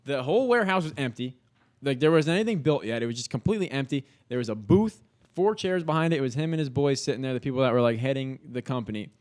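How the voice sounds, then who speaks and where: A young man of medium pitch talks fast as a podcast guest telling a story. His speech is slangy and animated, heavy with filler words and swearing.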